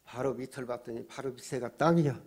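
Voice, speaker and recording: A man, a pastor, preaching a sermon, swinging from hushed storytelling to loud shouting and acting out the dialogue of his stories. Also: medium pitch, brisk, breathy edge.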